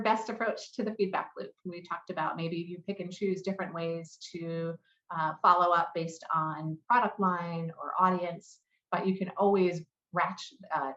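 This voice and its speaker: Her voice is on the low side with a fairly bright tone as she presents at a business conference and responds to questions. She heads customer marketing, and the recording is slightly muffled and echoes as in a large room.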